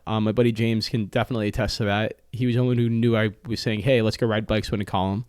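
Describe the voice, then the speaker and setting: A young Italian-speaking restaurant owner is a chatty, joking guest on a podcast, speaking casually with lots of fillers in the studio. His voice is on the low side with fairly even intonation, racing and a little mellow, with a clear, resonant tone captured in a dry, studio-quality recording.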